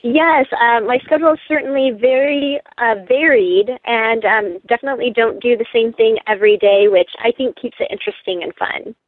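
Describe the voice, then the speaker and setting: A woman's voice: a little high, normal speed, few pauses, dry recording. Woman guest on a tinny phone line. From South Korea. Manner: friendly and composed, with frequent um fillers and light laughs. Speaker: guest, entrepreneur and pageant titleholder. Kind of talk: interview over the phone. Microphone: telephone.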